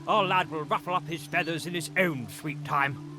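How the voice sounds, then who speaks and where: An actor voicing a pompous, genteel owl in a video game, scolding theatrically in mock-archaic speech. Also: male voice, on the high side, normal speed, over music, close to an everyday voice. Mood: fussy, chiding. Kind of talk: video game character acting.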